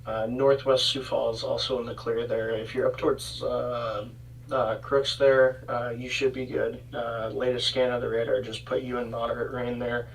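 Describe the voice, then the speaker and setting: A man with a creaky, gravelly voice and fairly flat intonation gives casual live weather updates. He speaks haltingly and unscripted, as a co-host would, and sits a little away from the microphone. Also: medium pitch, a little hiss or hum. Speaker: severe weather livestream co-host. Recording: distant mic.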